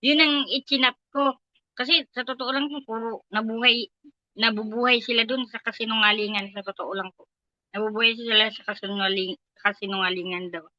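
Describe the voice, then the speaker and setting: A woman's voice: a little high, fairly even intonation, a little fast, pushed and bright, no echo, highs cut off. An older woman with a Filipino accent, giving an earnest, emotional personal testimony at a prayer meeting. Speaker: church member giving testimony.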